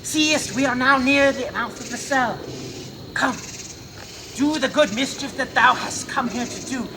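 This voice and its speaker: A woman's voice: sits high, unhurried. A woman playing a wheedling, resentful monster servant on stage, declaiming in archaic English. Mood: wheedling, hushed. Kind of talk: live stage performance of Shakespeare. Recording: noisy live outdoor stage recording.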